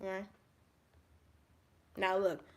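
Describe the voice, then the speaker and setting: A woman venting to camera in a profane monologue, angry and repetitive, swinging between shouting and low, subdued talk. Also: level tone, takes it slowly. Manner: angry, profane ranting with repeated phrases. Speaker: vlogger.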